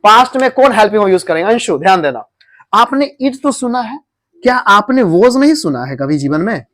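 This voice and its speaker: A man runs a coaching-class grammar lesson in a classroom, firing questions at his students and having them repeat answers. His voice sits high. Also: sing-song, a little fast, fairly bright tone. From India.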